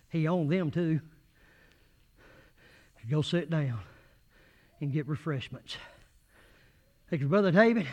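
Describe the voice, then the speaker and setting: A man preaching a sermon in church, folksy and rising to shouted fervor. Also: a little high, dull audio. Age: 80s.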